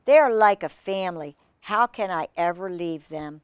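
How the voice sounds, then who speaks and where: A woman voicing a polite, earnest male hermit crab in a storybook, with a courteous, drawn-out delivery. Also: fairly low pitch, expressive, smooth, no echo, studio quality, close to an everyday voice. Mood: tender, reluctant.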